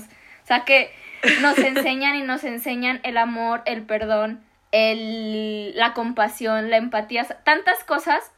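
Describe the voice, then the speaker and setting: A young woman with a Mexican accent, casually retelling Bible stories with slangy, animated asides in a faith discussion. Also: a little high.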